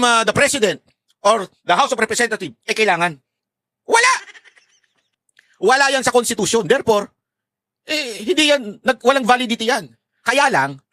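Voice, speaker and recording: In a vlog, a man with a very high, sharp voice gives heated, sarcastic political commentary to his viewers, with no room sound. He swears and laughs often and mixes English phrases into his speech.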